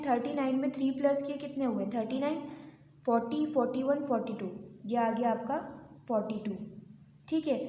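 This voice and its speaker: A woman's voice: high voice, warm tone, roomy sound, slight background noise. A woman maths teacher explaining a lesson step by step, patiently counting numbers aloud and checking in often. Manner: patient, repeats counts aloud, frequent "theek hai".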